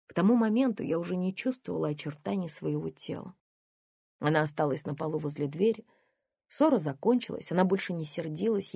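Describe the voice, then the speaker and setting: A woman narrating a first-person memoir as an audiobook, in a quiet, restrained storytelling manner. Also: on the low side, gravelly, breathy edge, no echo, studio quality.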